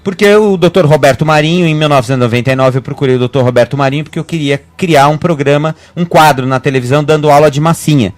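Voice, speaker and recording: Fast-talking man rambling on web radio. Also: on the high side. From Brazil. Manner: fast, rambling, frequent restarts. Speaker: guest medium. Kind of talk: casual radio talk.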